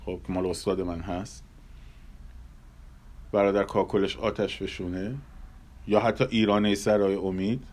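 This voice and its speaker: A man giving a measured lecture on Persian classical music, pausing often and sometimes humming melodies to illustrate. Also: deep voice, level tone, a little mellow. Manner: hums and scats melodies to illustrate; measured, thoughtful delivery with pauses.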